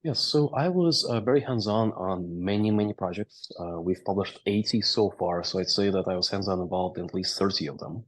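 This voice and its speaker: This Latvian company founder in his thirties has a low voice and talks briskly, with hardly any pauses. Appearing as a guest in a relaxed interview, he shares his story in a Latvian accent, fluent but peppered with "uh" and "right?".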